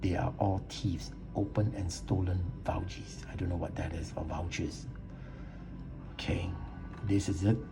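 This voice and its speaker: Over background music on a low-quality recording, a vlogger with a low, gravelly voice reads online posts and reviews aloud. His tone stays steady and unhurried, yet the commentary is an indignant, emphatic rant in which he repeats words as his frustration builds.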